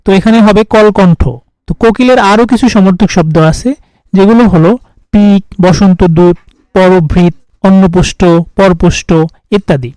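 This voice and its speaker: A man with a fairly high voice and a Bangladeshi Bengali accent gives an exam-prep grammar lesson. He reads each option in turn and explains the answer steadily. The recording is close and dry, with almost no room sound. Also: moderate pace, a little mellow, dry recording, poor audio. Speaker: teacher solving exam questions.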